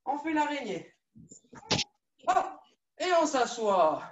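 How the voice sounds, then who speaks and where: A woman with a high voice leads a children's judo class, coaxing and lively as she repeats every instruction. She sounds echoey and far from the mic, as if filmed across a room. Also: slow pace, noisy background. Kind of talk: live online kids' class, story-led exercises.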